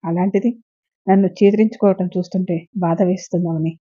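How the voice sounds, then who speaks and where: A woman's voice: lowish voice, fairly even intonation, brisk, warm tone, no room sound, natural voice. A woman voicing a pushy, self-pitying young man who pleads insistently, in a dull lo-fi recording. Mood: pleading.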